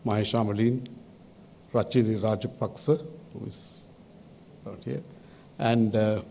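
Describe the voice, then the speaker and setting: Sri Lankan man giving a mellow podium speech. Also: mid-range voice. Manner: measured, halting phrasing with deliberate pauses. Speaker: advisory committee chairman giving a welcome address.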